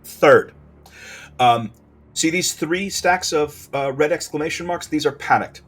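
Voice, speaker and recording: A man's voice: fairly high pitch, a little slow, a bit bright, soft background music. A man doing casual let's play commentary, explaining his strategy card by card, with fillers and self-corrections along the way. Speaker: gameplay commentator.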